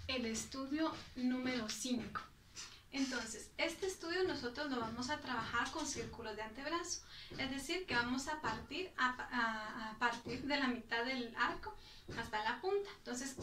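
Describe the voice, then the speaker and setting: High-voiced woman teaching strokes, roomy. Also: sharp tone, slight background noise. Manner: patient, counts out bow strokes. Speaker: music teacher. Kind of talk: instructional explanation. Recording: roomy, from a distance.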